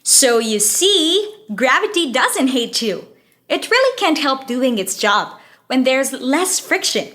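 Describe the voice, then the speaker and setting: Woman acting high, slow, science-savvy young friend. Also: sing-song, fairly bright tone, slight background noise, full character voice. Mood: patient, explanatory. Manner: patient, explanatory. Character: knowledgeable, teasing young female friend explaining science. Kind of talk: scripted educational audio drama.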